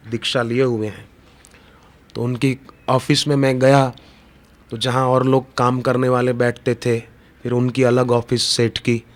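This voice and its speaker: Slow devotional preacher, a man, chanting verses. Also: mid-range voice. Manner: slow, drawn-out sung verses between storytelling. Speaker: spiritual preacher. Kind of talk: devotional satsang discourse.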